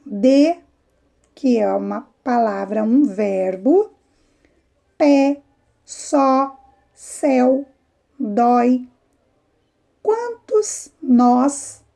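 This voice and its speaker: Teaching young kids remotely, this woman speaks in a warm, high-sitting voice touched with vocal fry. Her explanations are patient, punctuated by prompts that rise in pitch.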